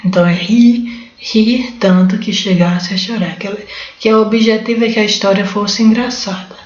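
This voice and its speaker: A woman's voice: mid-range voice, fairly even intonation, normal speed, a little mellow. A Brazilian woman teaching exam-prep Portuguese, working through questions in an informal, thinking-aloud way with frequent restarts. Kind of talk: spoken lesson going through exam questions. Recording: roomy, dull lo-fi recording.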